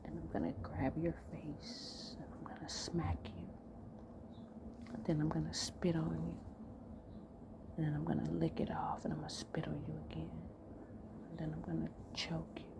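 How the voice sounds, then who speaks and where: A woman voicing a dominant man whispering slow commands to his lover in a whispered role-play. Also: low-pitched, completely flat delivery, creaky. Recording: noisy background.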